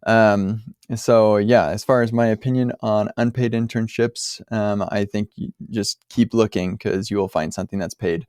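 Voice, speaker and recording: Guy with a lowish voice answering a listener, chatty and emphatic, lots of ums, dry close sound. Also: fairly even intonation, moderate pace, a little mellow, clean tone, dry recording. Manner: conversational, many fillers and restarts, emphatic. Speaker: podcast host answering a caller. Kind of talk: casual spoken advice.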